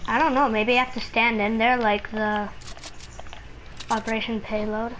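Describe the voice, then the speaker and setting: A woman's voice: on the high side, flat delivery, normal speed. A woman chatting casually as she plays an online video game. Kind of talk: casual gaming chat during an online match. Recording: clear game noise behind voice.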